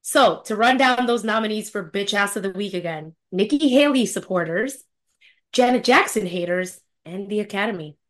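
A woman's voice: mid-range voice, expressive, normal speed. A woman co-hosting a casual podcast panel, laughing often, swearing and speaking with emphatic outrage. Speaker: podcast co-host.

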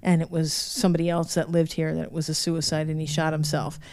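Lower-voiced woman, casual interviewer. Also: level tone, fairly quick, darkish tone, slight background noise. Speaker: podcast interviewer.

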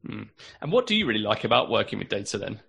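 A man's voice: fairly low pitch, sing-song, fast, vocal fry, fairly bright tone, slightly rough. A man hosting an interview, friendly and casual, often restarting his sentences. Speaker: host.

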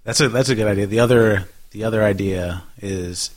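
A man's voice: lowish voice, a little fast. A man co-hosting a podcast, joking dryly and laughing along in casual talk. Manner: dry, joking, laughs a lot. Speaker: podcast co-host.

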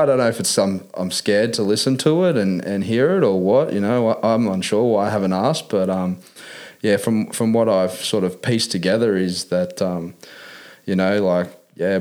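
A man's voice: on the low side, darkish tone. An Australian man telling his life story in a casual interview, talking in laid-back working-class Aussie slang peppered with "man" and "mate". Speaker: interview guest.

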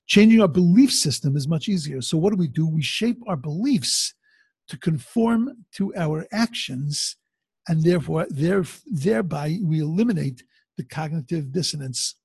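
A man giving an informal religious lecture like a teaching rabbi, conversational and halting, repeating phrases and posing questions that he answers himself. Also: fairly high pitch, expressive, vocal fry, darkish tone, slightly rough, no echo.

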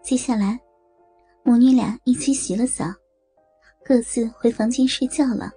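Slow, husky woman narrator. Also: on the high side, steady tone, warm tone, soft background music. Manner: slow, measured reading. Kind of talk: storytelling narration.

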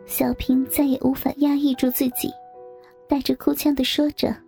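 High gravelly-voiced woman storyteller. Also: flat delivery, moderate pace, mellow. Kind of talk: scripted narration of an erotic story. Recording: faint background music.

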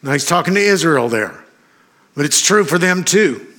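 A man's voice: on the high side, animated, moderate pace, a bit bright. A middle-aged man preaching a sermon in a church, emphatic, with sudden exclamations. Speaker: pastor.

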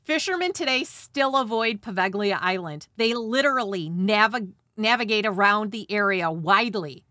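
Bright-voiced woman telling dark history. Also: mid-range voice, expressive, moderate pace, hardly any pauses, no room sound, clean studio sound. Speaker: host. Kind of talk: scripted narration with casual asides.

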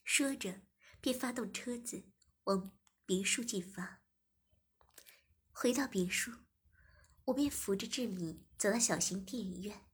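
Breathy woman reading a story aloud. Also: mid-range voice, a little slow, long pauses. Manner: soft, breathy, half-whispered reading. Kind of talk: first-person story reading.

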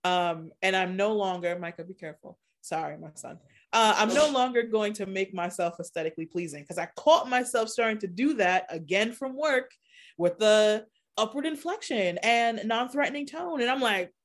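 A woman speaking as a podcast guest in a casual, animated way, laughing often and slowing down for emphasis. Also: medium pitch. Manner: animated, laughs often, shifts between quick and slow emphatic phrasing. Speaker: podcast guest, content creator. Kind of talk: casual conversational interview.

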